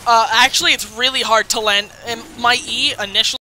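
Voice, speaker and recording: A young woman streaming a video game, chatting casually with a teammate, loud, swearing freely and hyping up her own plays. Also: on the high side, fairly even intonation, fairly quick, a little hiss or hum. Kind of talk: casual gaming chat with a teammate.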